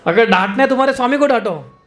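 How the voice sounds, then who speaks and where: Brief: a preacher putting on a cross young male saint, high-pitched, protesting the blame. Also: lively intonation, quick pace, a bit bright, soft background music. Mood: indignant. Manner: indignant, complaining. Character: exasperated young male saint scolding back.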